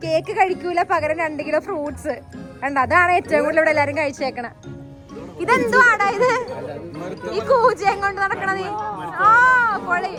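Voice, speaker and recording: High-pitched Malayalam-English mixing woman vlogger. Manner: mixes English words and slang into Malayalam. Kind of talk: casual vlog chat to camera and friends. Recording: loud music and crowd noise behind. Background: music, crowd chatter.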